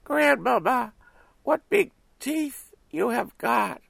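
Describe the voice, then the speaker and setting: A small, innocent storybook girl, put on by a man in a high, wide-eyed falsetto. She sounds close and dry, with a little grain beneath the high notes. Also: animated, slow, vocal fry, fairly bright tone, husky, dry recording, heavily acted. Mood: wondering.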